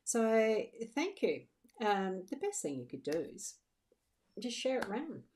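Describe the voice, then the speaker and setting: She's a middle-aged psychic medium from Australia, reading cards live and reassuring viewers in relaxed stream chat while often beginning sentences again. Her mid-range voice is very animated yet a little slow and slightly mellow.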